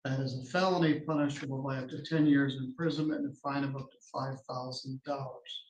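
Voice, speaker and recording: A man presiding over a hearing in a courtroom, reading charges in formal, measured legal language. His voice is wearing thin and the room echoes around him, with faint background noise. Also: mid-range voice. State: losing his voice. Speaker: judge. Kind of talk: courtroom proceedings.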